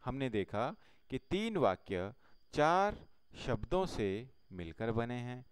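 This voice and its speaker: A man teaching a Hindi grammar lesson, explaining slowly step by step with pauses. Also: medium pitch, very animated, clean tone, no room sound.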